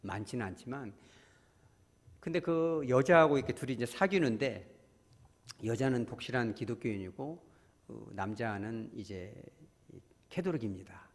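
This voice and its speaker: A man's voice: mid-range voice, lively intonation, moderate pace. Man preaching in a reverberant church. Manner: conversational preaching, acts out prayers and dialogues. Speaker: pastor. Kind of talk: sermon.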